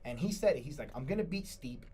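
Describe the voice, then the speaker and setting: A man's voice: mid-range voice, animated, fast talker, mellow, breathy edge. A man co-hosting a casual sports talk show, rambling, repeating his words and laughing often. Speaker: co-host. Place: studio.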